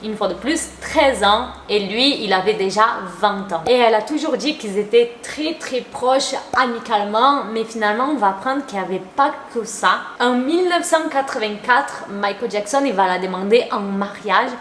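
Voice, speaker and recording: A woman's voice: fairly high pitch, normal speed, few pauses, a bit bright, a little hiss or hum. Chatty young woman in a roomy room. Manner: chatty and opinionated, uses casual slang. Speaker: YouTuber. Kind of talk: casual commentary to camera. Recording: roomy echo.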